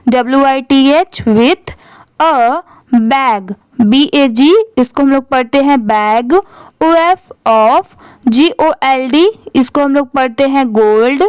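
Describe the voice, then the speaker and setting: A woman's voice: sits high, no echo. A woman teacher explaining English reading in Hindi. She spells each word out letter by letter, repeats it patiently and asks the class to say it after her.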